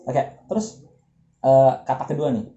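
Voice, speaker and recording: A man's voice: mid-range voice, fairly even intonation, measured pace, dark tone, roomy sound, muffled recording. A man teaching English pronunciation in a casual, joking lesson, drilling words for a partner to repeat.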